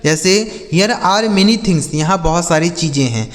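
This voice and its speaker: A man gives a slow vocabulary lesson in English, spelling every word letter by letter and repeating its meaning several times. His voice is fairly high and expressive, his delivery unhurried, with a long reverb tail.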